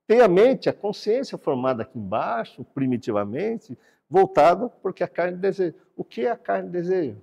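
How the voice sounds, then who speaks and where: A man giving a sermon-like talk about the brain and God, explaining a drawing with animated delivery and repeating words for emphasis. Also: sits high, moderate pace, gravelly, slightly rough, in a large hall, lo-fi sound. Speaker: speaker teaching brain science and faith.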